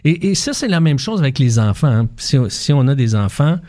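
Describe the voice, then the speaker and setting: A man's voice: medium pitch, big pitch swings, brisk, warm tone. A man with a Québécois French accent, a guest explaining relationship habits through concrete everyday examples, with restarts and fillers. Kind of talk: casual explanatory chat.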